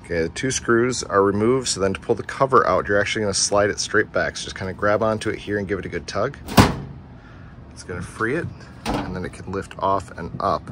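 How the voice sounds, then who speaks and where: A man's voice: lowish voice, brisk. A man hosting a casual DIY how-to video, explaining step by step in an informal way, in a basement room. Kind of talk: casual how-to repair narration. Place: noisy basement furnace room at home. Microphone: handheld camera's microphone. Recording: background noise from basement furnace room.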